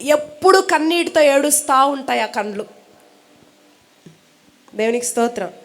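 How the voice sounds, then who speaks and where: A woman's voice: high-pitched, lively intonation, unhurried. A woman preaching a sermon to a congregation, emphatic and repetitive, asking rhetorical questions. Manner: emphatic, repeating phrases. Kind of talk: Telugu sermon.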